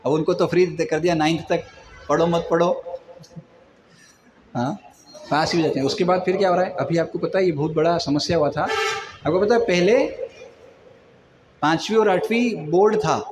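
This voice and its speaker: A man's voice: a little high, noisy background. A man giving a casual devotional talk, acting out the people he describes. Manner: conversational, acts out quoted people. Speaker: preacher. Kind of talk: Hindi devotional lecture.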